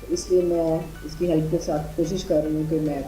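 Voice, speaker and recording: Dark-voiced woman student, echoey room. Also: sits low, level tone, brisk, faint music behind. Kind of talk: classroom exchange.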